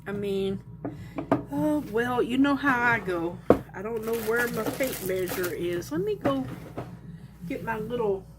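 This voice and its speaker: A woman's voice: fairly high pitch, animated, unhurried, heavy background noise. A woman hosting a casual crafting vlog, chatting and thinking aloud as she shows her work. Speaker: resin crafter and channel host. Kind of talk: casual show-and-tell vlog.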